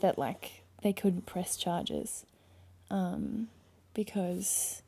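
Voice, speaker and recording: A woman's voice: on the low side, drawn-out words, vocal fry, slightly rough. A young woman casually recounting a personal story to her partner, hesitant, with lots of fillers and restarts. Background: soft background music.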